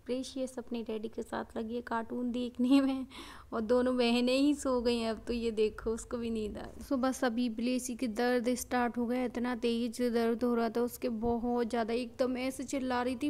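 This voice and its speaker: A woman's voice: fairly high pitch, flat delivery, moderate pace, darkish tone. A young woman vlogging casually at home as a mother, chatty and repeating words for emphasis, sometimes slipping into sing-song baby talk to her daughters. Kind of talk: casual home vlog chat. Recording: noisy home recording.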